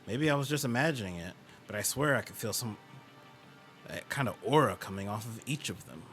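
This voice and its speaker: Animated man doing a game playthrough. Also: fairly low pitch, fairly quick. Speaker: gamer reading a game aloud. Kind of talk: playthrough commentary and dramatic reading. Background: faint game music.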